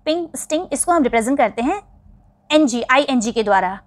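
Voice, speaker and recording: Indian lady teaching english vowels, spells words out slow, kinda high voice, dry close sound. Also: expressive, no echo. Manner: spells words out letter by letter, then repeats them slowly. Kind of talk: explaining vowel sounds in Hindi.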